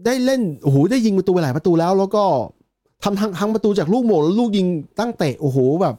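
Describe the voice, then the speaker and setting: A man in casual football podcast chat, talking quickly with a mellow, warm tone and a slightly high pitch. He laughs often and swears freely among friends. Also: lively intonation. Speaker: podcast co-host.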